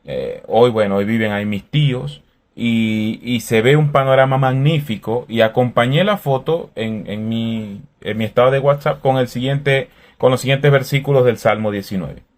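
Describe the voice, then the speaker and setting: A man talks through faith questions in a calm, reflective way. His voice sits at an everyday middle pitch, and he speaks conversationally, like a host sharing ideas with his viewers. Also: moderate pace. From Venezuela.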